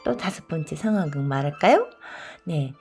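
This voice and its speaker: A woman reading a children's storybook aloud in an expressive, teacherly way, speaking to children and parents. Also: sits low, moderate pace, husky, faint music behind. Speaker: storybook reader.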